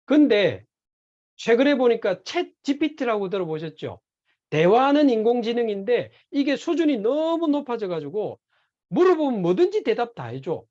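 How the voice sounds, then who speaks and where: Lively church lecturer, dull lo-fi sound. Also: mid-range voice, normal speed. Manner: animated storytelling, acts out quoted dialogue. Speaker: evangelism class teacher. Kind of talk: sermon-style church lecture.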